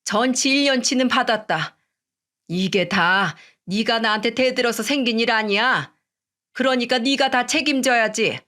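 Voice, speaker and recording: A woman's voice: on the high side, normal speed, bright, forceful tone, voice pushed up. A woman voicing a rude, greedy older mother-in-law who scolds and bosses in a coarse way, in a read-aloud story. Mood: defiant. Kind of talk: storytelling radio drama reading.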